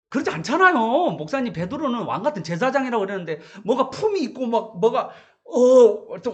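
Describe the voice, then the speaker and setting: A man's voice: very high-pitched, pitched above the performer's own voice. A man voicing a doubting churchgoer who pleads and protests to the pastor.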